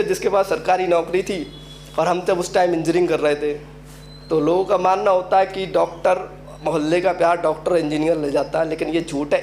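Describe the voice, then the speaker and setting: A man's voice: high voice, a little hiss or hum. A young man from Uttar Pradesh performing a stand-up comedy set at an open mic, telling a story and acting out the people in it. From Uttar Pradesh, India. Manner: storytelling, acts out quoted characters. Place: open mic event venue.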